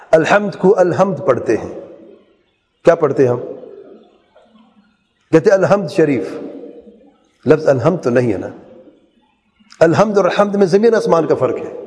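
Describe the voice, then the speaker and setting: A man's voice: a little high, a little mellow, in a large hall. A man preaching a sermon to a gathering, earnest and urging, often putting questions to his listeners.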